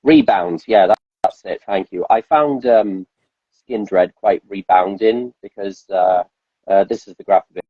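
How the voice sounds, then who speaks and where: A man with a deep, husky voice chats casually as a podcast host, rambling through lots of fillers and restarts. The sound is dull and lo-fi, recorded dry and close. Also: a little slow, dry recording. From Wales. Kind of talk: casual chat.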